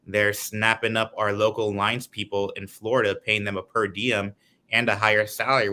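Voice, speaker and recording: A man's voice: on the low side, bright, forceful tone. A man from Guyana, a political candidate, giving earnest, lengthy answers in an interview over a video call.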